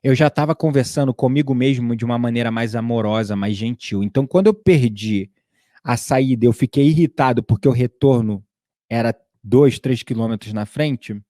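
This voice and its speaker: A Brazilian man speaks in a relaxed, mellow voice at a middling pitch. He teaches in a casual monologue, animated and acting out both sides of his own inner dialogue, recorded close and dry. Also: moderate pace, dry recording. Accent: Brazilian Portuguese. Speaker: spiritual teacher.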